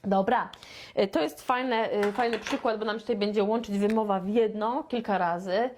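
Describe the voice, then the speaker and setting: A woman from Poland teaching a beginner English lesson, chatty and playful, stretching out her model sentences very slowly. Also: medium pitch, steady tone, a little mellow, slight background noise. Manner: slow, deliberate, with very drawn-out model sentences; chatty and playful, with sound effects.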